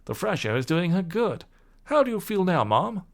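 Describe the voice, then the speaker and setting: A man doing a kindly genteel gentleman. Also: high-pitched, big pitch swings, moderate pace, vocal fry, pitched above the performer's own voice, heavily acted. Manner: polite, solicitous. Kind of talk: storybook audiobook acting.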